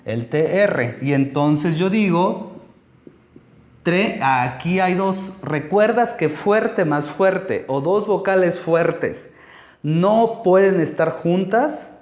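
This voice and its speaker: A man teaching a language lesson, explaining rules slowly and patiently, step by step. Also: high voice, a little mellow, roomy sound.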